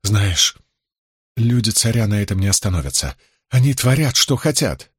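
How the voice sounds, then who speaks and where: A man's voice: on the low side, very animated, moderate pace, husky, no echo, clean studio sound. A man voicing a proud, anxious young priestess who speaks sharply and nervously. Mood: pleading.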